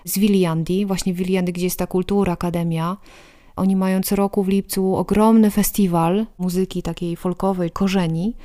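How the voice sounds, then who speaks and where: A woman speaking as a guest expert, explaining with enthusiasm and detail in a relaxed conversation. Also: fairly low pitch, normal speed. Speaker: guest expert on Estonian culture.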